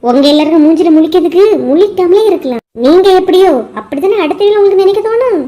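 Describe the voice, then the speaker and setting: Sharp-tongued cartoon village woman voiced by a woman, Kanyakumari Tamil accent, very high pitch, blunt scolding retorts. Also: racing. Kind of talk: cartoon voice acting.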